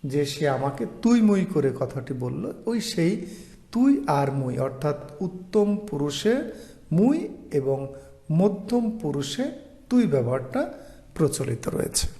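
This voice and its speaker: A man teaching an online lesson, explaining slowly and reading out example phrases. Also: on the high side, big pitch swings, mellow. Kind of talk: online lecture.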